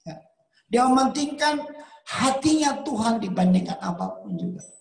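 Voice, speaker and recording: A man preaching a sermon, telling a personal story and rising to emphatic near-shouts, with English words slipped into his talk. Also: extremely high pitch, lively intonation, normal speed, gravelly. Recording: roomy echo.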